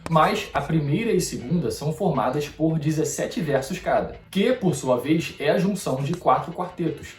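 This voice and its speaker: A man with a slightly high voice walks through the lesson methodically, explaining each point in turn. His voice carries a noticeable room echo around it. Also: lively intonation, moderate pace, few pauses. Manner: didactic, methodical, explaining step by step. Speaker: host. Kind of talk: explanatory music-analysis narration. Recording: roomy echo.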